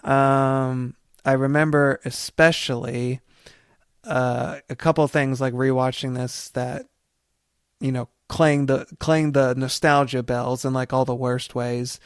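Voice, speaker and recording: A man's voice: medium pitch, flat delivery, takes it slowly, clean tone, dry recording, clean studio sound. A man co-hosting a podcast, talking in a casual, reflective way that meanders as he tells a story. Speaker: podcast co-host.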